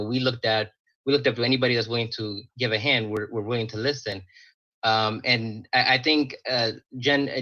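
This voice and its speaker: Guy on a video call, halting, lots of you know, bright voice, kinda lo-fi sound. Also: mid-range voice, dry recording. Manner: halting, filler-heavy. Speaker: former contestant. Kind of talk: casual video call chat. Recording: slightly dull lo-fi audio.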